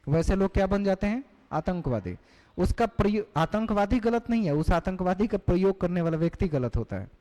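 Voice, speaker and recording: A man's voice: high voice, warm tone. A male teacher giving a classroom lecture, explaining terms and putting questions to the class. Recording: long hall reverb.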